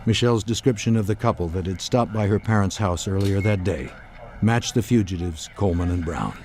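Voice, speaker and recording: A man delivering scripted true-crime narration in a measured, grave manner. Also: deep voice, darkish tone, slight background noise. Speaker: documentary narrator.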